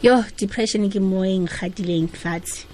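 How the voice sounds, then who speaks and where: A woman's voice: mid-range voice, normal speed, darkish tone, slight background noise. A woman in her thirties with a South African Sotho accent, telling her personal story candidly as an interview guest and switching between languages. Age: 30s. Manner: code-switches between English and a local language.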